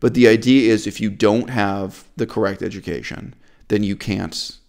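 A middle-aged man from Canada, hosting an opinionated discussion in an animated, emphatic and critical way. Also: lowish voice, normal speed, gravelly. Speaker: host.

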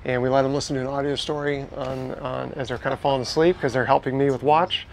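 Docked and standing inside his catamaran's saloon, a man in his thirties gives a casual walkthrough tour of his boat, enthusiastic and explanatory and often restarting sentences. His average-pitched voice is steady and quick. The low-quality lapel-mic recording has faint background noise beneath it.

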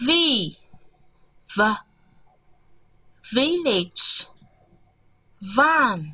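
A woman from Vietnam teaching English to young children, modelling words slowly and emphatically for them to repeat and coaxing them with gentle questions. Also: sits high. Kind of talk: bilingual classroom lesson with listen-and-repeat drills.

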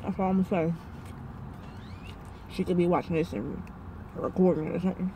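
Young woman chewing while she rambles to the camera, low dark voice. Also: fairly even intonation, a little fast, a little hiss or hum. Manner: rambling, filler-heavy, addresses viewers as y'all. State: talking while chewing food. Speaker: vlogger. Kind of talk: casual mukbang vlog chat.

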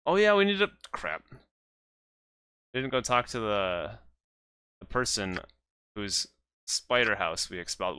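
A man's voice: fairly low pitch, sharp tone, slight background noise. A man casually commenting on his own gameplay as the host of a let's play, chatty and self-mocking, talking to the characters on screen.

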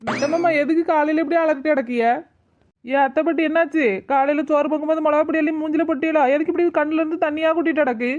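A woman's voice: high-pitched, steady tone, fast, darkish tone, dull audio, lightly acted. A woman voicing a cheeky, lazy young wife, always hungry and talking back. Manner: cheeky, talks to herself, sweetly impudent. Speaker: lead character. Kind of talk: cartoon comedy voice acting.

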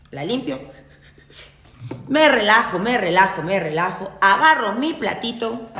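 A young Mexican woman teaching a witchcraft ritual in a chatty, teasing way, full of slang and quick laughs. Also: on the high side, pushed and bright, reverberant. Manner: chatty and salty, teasing her viewers with slang; laughs often at her own jokes. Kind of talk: casual spoken ritual tutorial.

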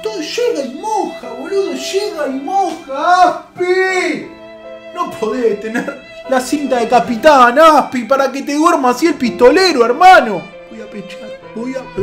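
A man with a Rioplatense Spanish accent commentating his own football video game match live, excitable, swearing and yelling at his players. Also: very high voice.

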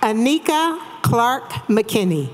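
A commencement announcer, a woman with a slightly high voice, calls out graduates' names slowly and with lots of animation, in a formal, emphatic style. She speaks through a podium mic on a large auditorium stage, surrounded by the crowd sounds of a large graduation.

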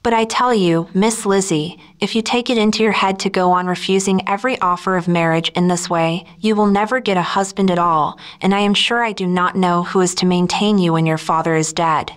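A woman's voice: lowish voice, steady tone, brisk, hardly any pauses, close to an everyday voice. A woman reading a novel aloud, voicing a fretful, self-pitying middle-aged mother who complains plaintively. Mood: scolding. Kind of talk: audiobook reading.

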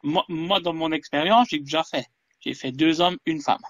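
A man being interviewed over a video call, talking hesitantly with frequent pauses. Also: on the high side, fairly bright tone, dry recording, studio quality. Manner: hesitant, many fillers and restarts. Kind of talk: casual interview.

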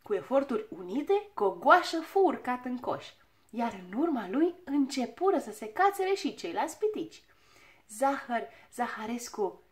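Brief: woman narrator, high voice, expressive children's audiobook reading. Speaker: storyteller.

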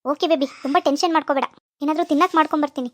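A woman's voice: high voice, very fast, no echo, natural voice. A woman voicing a doting, scheming middle-aged mother in a cartoon, who coaxes her daughter in a conspiratorial way. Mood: coaxing. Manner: coaxing, conspiratorial. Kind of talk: cartoon voice acting.

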